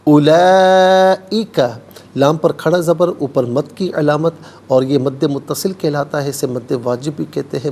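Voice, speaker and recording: Gravelly-voiced man teaching Quran recitation. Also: medium pitch, darkish tone, a little hiss or hum. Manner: explains word by word, then recites slowly in drawn-out chant. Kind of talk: televised Quran recitation lesson. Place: TV studio.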